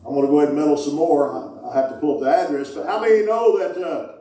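Middle-aged pastor preaching hard, highish voice, congregation answering back, big echo from across the church. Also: male voice, fast talker, recorded from a distance. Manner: fervent preaching, calls out to the congregation, shouts "woo". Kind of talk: sermon. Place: church sanctuary, indoors. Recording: echoey church hall from afar. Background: congregation responding.

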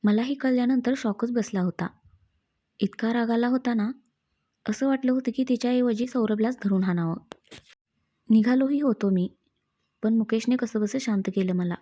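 A woman reading the lines of a calm, self-assured young husband in a storybook, steady and reassuring. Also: a little high, moderate pace, long pauses, natural voice.

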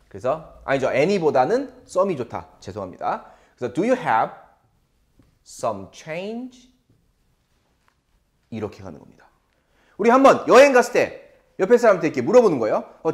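A man with a Korean accent teaching an English lesson, drilling phrases slowly and explaining with animated delivery. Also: fairly high pitch.

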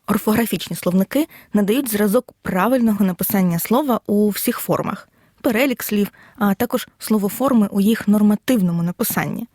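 Mellow-voiced woman teaching a lesson. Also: medium pitch, dry recording. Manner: measured, explanatory, reads examples out one by one. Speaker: Ukrainian language teacher. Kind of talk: scripted audio lesson narration.

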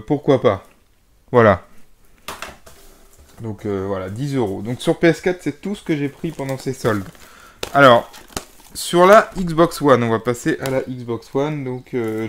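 Hesitant young man rambling to camera. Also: medium pitch. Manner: rambling, hesitant, lots of fillers; moving around handling boxes while talking. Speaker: gaming vlogger. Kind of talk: casual video haul. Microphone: camera mic.

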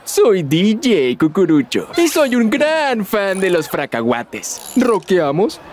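Swooping, high-voiced cartoon DJ. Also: male voice, wildly swooping pitch, slow pace, full character voice. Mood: friendly, cool. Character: friendly male cartoon DJ, admiring fan. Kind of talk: animated cartoon dubbing. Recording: loud noise behind the voice.

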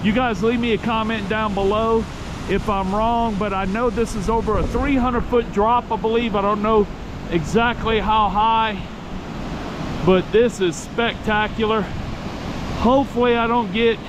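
A man's voice: sits high, steady tone. A middle-aged man vlogging outdoors on a hike, talking upbeat and straight to his viewers on a camera held at arm's length. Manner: upbeat, enthusiastic, addresses viewers directly. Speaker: travel vlogger. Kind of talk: casual vlog narration. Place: outdoors at a roaring waterfall base. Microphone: action camera held at arm's length. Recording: outdoor camera with loud waterfall and wind noise. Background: loud rushing waterfall and wind.

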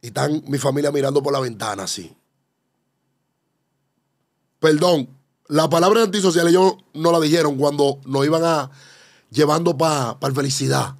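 A man's voice: on the high side, moderate pace, pauses often, no room sound. A man with a Dominican accent fervently telling his personal testimony as a guest, often calling out to the host. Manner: fervent, keeps exclaiming about faith and addressing the host.

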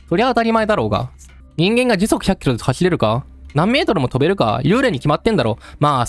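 A man voicing a rough-talking male storyteller who taunts the listener in coarse street speech. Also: on the high side. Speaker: game let's-play narrator.

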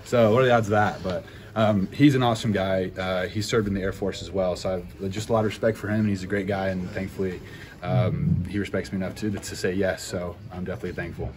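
A man's voice: low-pitched, fairly even intonation, a little mellow, a little hiss or hum. A young man, a college football punter, answering reporters after a game, upbeat and grateful, recorded on handheld phones in a busy interview area. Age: young adult. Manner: upbeat, grateful, talks quickly. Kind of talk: postgame press interview. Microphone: handheld recorders and phones held close.

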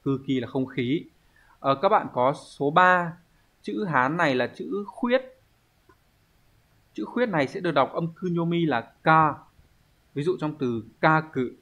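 A man teaching an online language lesson, explaining step by step at an unhurried pace and thinking aloud with pauses. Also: a little high, animated, sharp tone. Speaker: Japanese teacher.

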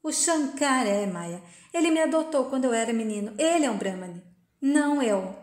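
Um rapaz apaixonado e desesperado implora perdão, lido por uma mulher de voz aguda em tom lento e sincero. O som tem eco de sala. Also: female voice, a little high, lively intonation, a little mellow, close to an everyday voice. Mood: pleading. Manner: plain reading of quoted dialogue, slow and earnest. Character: young man, heartbroken and pleading. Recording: roomy echo.

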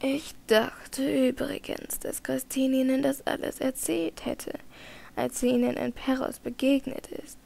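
A woman's voice: high-pitched, flat delivery, unhurried, gravelly, warm tone, exaggerated voice. A woman doing a naive old lady. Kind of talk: audiobook character reading.

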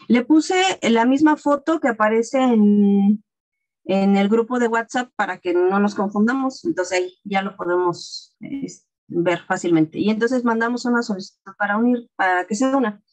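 A woman's voice: medium pitch, moderate pace, darkish tone. A woman teaching an online class over a video call, patiently explaining each step. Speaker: class instructor.

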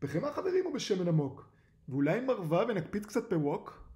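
A storyteller voicing a group of hungry grown fishermen who gloat loudly. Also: medium pitch, very animated, voice pushed up, natural voice. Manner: loud, gloating. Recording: roomy echo.

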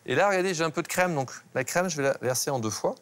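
A pastry chef talks viewers through a recipe, brisk and instructive, his voice sitting fairly high for a man. Clatter and clicks of a busy kitchen run behind him. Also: lively intonation, a bit bright, slight background noise. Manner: instructive, brisk, addresses viewers with "regardez" and "hein". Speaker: pastry chef teaching a master class. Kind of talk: cooking demonstration.

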